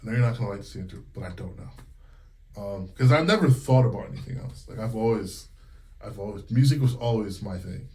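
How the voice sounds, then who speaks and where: Lowish in pitch and brisk in pace, a thirtysomething singer and music teacher from Connecticut opens up in a laid-back interview. His relaxed, candid talk is thick with fillers and recounted quotes.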